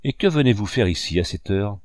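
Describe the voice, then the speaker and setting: Sly scheming crook, ironic, low voice with quiet menace , done by a man. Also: expressive, fairly quick, no echo, studio quality, lightly acted. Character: scheming middle-aged man, villainous swindler, veiled menace.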